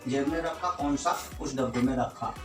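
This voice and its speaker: A mid-range voice at a moderate pace belongs to an Indian magician demonstrating and selling tricks in a tutorial, patter-heavy like a party magician, with counting and nonsense magic words. He calls viewers his friends, and he is heard off-mic from a distance in an echoey room with music behind.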